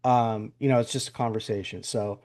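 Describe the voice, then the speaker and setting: A man's voice: fairly low pitch, fairly even intonation, brisk, darkish tone. Chatty man hosting a podcast, rambling. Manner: rambling, repeats words, many fillers. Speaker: podcast host. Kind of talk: casual interview chat.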